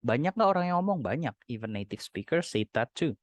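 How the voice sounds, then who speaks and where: A man's voice: medium pitch, very animated, no room sound. Indonesian-accented man teaching English grammar. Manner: explains patiently, slows down to model English example sentences. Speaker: university English lecturer. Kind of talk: recorded online lecture.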